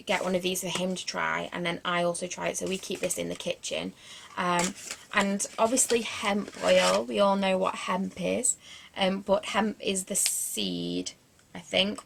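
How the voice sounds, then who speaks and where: A woman's voice: on the low side, gravelly. A young woman in her twenties, chatting casually through a beauty product review, rambling with lots of fillers and self-deprecating asides. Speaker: beauty vlogger.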